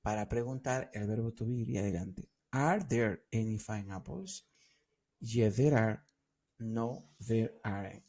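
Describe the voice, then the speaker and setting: A man's voice: fairly low pitch, unhurried, darkish tone. A man co-teaching an English class, explaining grammar in Spanish with English example sentences.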